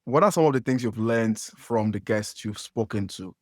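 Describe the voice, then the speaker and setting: A Nigerian podcast host with a Nigerian accent conducts a conversational interview, his long questions marked by many fillers and restarts. His voice is lowish and darkish at a normal speed, recorded cleanly in a studio with no echo.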